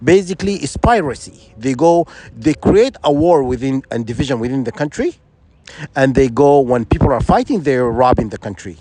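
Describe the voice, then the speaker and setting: A man's voice: mid-range voice, lively intonation, normal speed, warm tone, dry recording. A man from Sudan, giving an insistent, rambling opinion monologue full of restarts and rhetorical questions. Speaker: vlogger.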